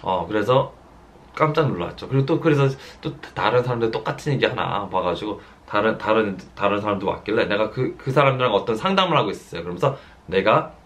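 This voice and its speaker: A pastor preaching a sermon, telling a story earnestly and repeating phrases for emphasis. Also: male voice, fairly low pitch, animated, fairly bright tone. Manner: slows down to stress quoted words.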